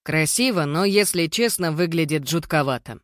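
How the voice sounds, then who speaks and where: A courteous middle-aged father, as an audiobook reader puts him on, polite and gently ironic. He speaks evenly and with restraint. Close, dry sound. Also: fairly high pitch, expressive, moderate pace, no room sound.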